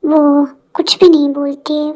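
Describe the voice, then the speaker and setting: A woman narrates a homemade fan story in a plain, unhurried manner. Her voice is very high and mellow, and she speaks slowly. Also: level tone.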